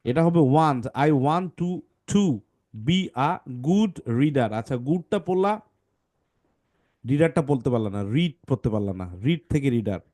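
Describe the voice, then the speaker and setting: A man's voice: on the high side, lively intonation, normal speed, darkish tone. A man teaching English phonics to a children's class, patiently correcting pronunciation sound by sound.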